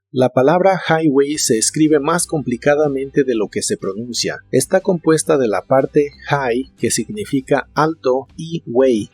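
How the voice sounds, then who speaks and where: Man teaching a slow, careful language lesson. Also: mid-range voice. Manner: slow, carefully enunciated word repetitions. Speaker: English teacher. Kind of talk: scripted lesson narration.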